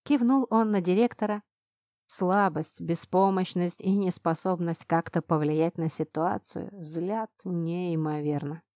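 A woman reading a first-person fantasy story aloud, shifting her pitch and loudness to voice the characters. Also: a little slow, no room sound, clean studio sound. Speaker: audiobook narrator. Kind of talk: first-person audiobook narration.

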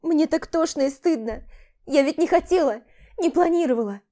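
A woman's voice: high-pitched, a little slow, warm tone, voice pushed up. A woman voicing a guilt-ridden young woman friend who sobs and pleads in an audiobook. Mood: tearful confession. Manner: sobbing, pleading, overwrought. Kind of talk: audiobook character voice.

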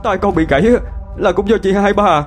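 A man's voice: mid-range voice, fairly quick, faint music behind, lightly acted. A man voicing a stammering young man, in a storybook ghost tale. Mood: pleading. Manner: stammering, pleading when scared.

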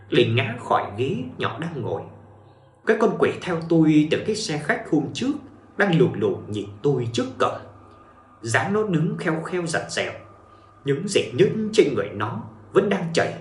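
A man narrating a ghost story in a dramatic, animated storytelling manner, in an echoey room. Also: on the high side.

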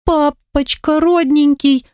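Woman doing little girl, tearful, trembling, high pitched, dry close sound, audiobook. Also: fairly even intonation, takes it slowly, mellow, no room sound. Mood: pleading. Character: small tearful girl, pleading and self-blaming.

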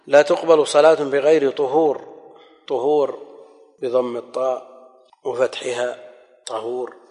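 Male scholar, measured lecture delivery, mid-pitched voice, long hall echo. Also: darkish tone. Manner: measured explanatory tone, repeats key phrases. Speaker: scholar teaching hadith. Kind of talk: recorded lecture commentary.

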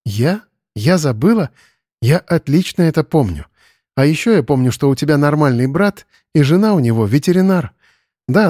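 A man voicing a hurt but resolute young woman in a storybook, speaking earnestly and a little higher. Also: darkish tone, no echo, clean studio sound, close to an everyday voice.

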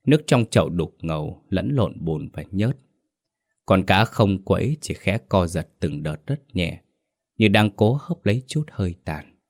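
Brief: male storyteller, very low voice, measured ghost story narration. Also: lively intonation. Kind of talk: scripted horror story narration.

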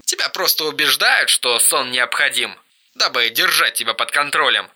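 A man voicing an unhinged, volatile young man with a hoarse, strangled voice, ranting down a phone line. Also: mid-range voice, expressive, moderate pace, pushed and bright. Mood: eerie calm. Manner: erratic, swings from muttering to screaming.

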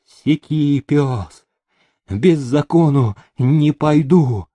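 A man reading an audiobook, voicing a fierce, stubborn young serf woman who shouts her refusals. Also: medium pitch, sing-song, slow, husky, dry recording, full character voice. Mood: defiant.

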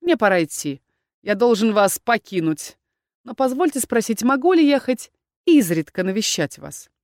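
A woman voicing a haughty young dark elf warrior, low and quiet, in an audiobook. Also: very animated, moderate pace, dry recording, clean studio sound. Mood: gentle courtly. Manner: cold and firm, then soft and gallant. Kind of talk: audiobook narration.

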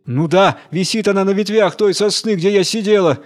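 A crafty female monkey from a storybook tale taunts in a raised, lively voice, as a male narrator puts her on. She is quick-witted and scornful. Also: natural voice. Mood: feigned helpful. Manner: taunting, higher-pitched. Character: clever sly female monkey, mocking.

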